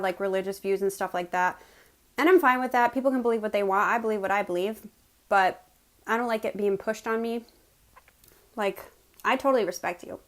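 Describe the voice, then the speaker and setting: A woman from West Virginia with an American accent tells personal stories in a casual, chatty way to viewers, pausing to chew as she eats. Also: mid-range voice. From West Virginia, United States. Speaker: mukbang host telling personal stories.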